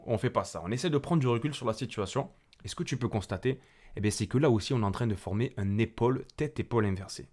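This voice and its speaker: A man's voice: medium pitch, darkish tone. A man with a French accent hosting a casual market commentary, chatting to the viewer and walking through charts. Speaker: crypto channel host.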